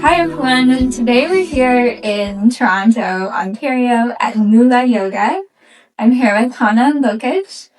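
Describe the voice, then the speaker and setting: A woman's voice: on the high side, unhurried, recorded from a distance, soft background music, poor audio. A woman hosting a podcast interview, asking questions in a friendly, encouraging way. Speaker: podcast host.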